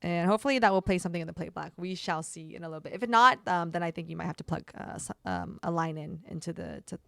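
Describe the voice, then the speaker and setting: A woman's voice: lowish voice, lively intonation, fast talker, vocal fry, a bit bright, dry recording, clean studio sound. A young woman, a streamer, chatting through a casual product review with lots of fillers and an upbeat manner. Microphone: desk microphone.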